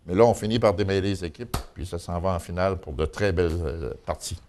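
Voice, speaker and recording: A man's voice: sits low, quick pace, a little mellow, a little hiss or hum. A man with a Quebec French accent giving an informal local news chronicle in a folksy, colloquial way. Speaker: local news and gossip columnist.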